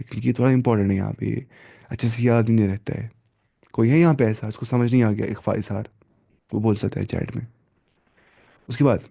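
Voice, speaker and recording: A man teaching a live online Quran reading lesson, drilling letters and sounds slowly one by one. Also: mid-range voice, gravelly, dark tone. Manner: slow drawn-out letter-by-letter drilling.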